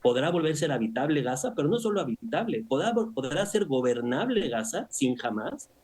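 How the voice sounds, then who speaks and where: A man speaking as an analyst guest in a news interview, measured and analytical, often tagging his points with rhetorical questions. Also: on the high side, sing-song, a little mellow, slight background noise. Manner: measured, analytical, with frequent "o sea" and "¿no?".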